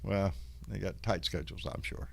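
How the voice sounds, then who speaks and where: Low-voiced Southern man with a folksy drawl. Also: normal speed, gravelly. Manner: salty, profane. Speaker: host of a live online show. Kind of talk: casual livestream chat.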